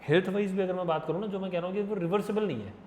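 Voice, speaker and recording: Quick, higher-voiced man in an echoey room. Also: mellow. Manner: quick, emphatic agreeing and arguing his point. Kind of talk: casual podcast discussion. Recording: echoey room with long reverb and faint noise.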